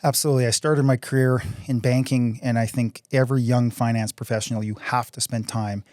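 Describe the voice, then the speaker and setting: A man's voice: mid-range voice, level tone, a little fast, darkish tone, dry recording, clean studio sound. A man in his forties, a city council candidate answering interview questions in an earnest, upbeat way, often repeating words as he goes. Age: 40s.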